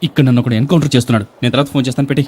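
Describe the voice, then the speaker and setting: A man's voice: medium pitch, steady tone, very fast, darkish tone, slight background noise, natural voice. A man playing a sarcastic, fed-up traveler. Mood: annoyed. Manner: irritated, sarcastic, snappy. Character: exasperated city traveler stuck with a pest. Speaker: actor in a film comedy scene. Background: film background music.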